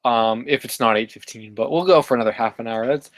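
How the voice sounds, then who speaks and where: A man's voice: mid-range voice, fast, no echo. A man hosting a casual live stream, reading chat and rambling with many fillers and self-corrections. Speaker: livestream host reading chat.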